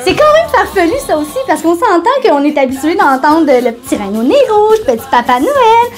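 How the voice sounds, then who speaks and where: A woman with a Quebec French accent hosting a campy parody of a local TV show, bubbly, giggly and excitable. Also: very high voice, moderate pace, music in the background. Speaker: TV host.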